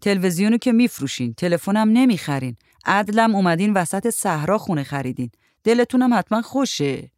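A woman reading a story aloud, voicing a sarcastic, blunt young woman who talks in sharp, mocking retorts. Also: medium pitch, big pitch swings, no room sound, clean studio sound, pitched above the performer's own voice, natural voice.

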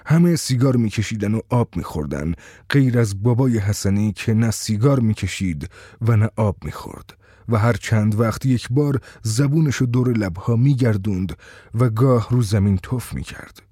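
Man with a dark, husky storytelling voice. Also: on the low side, no room sound, studio quality. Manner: steady, conversational storytelling. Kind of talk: first-person story reading.

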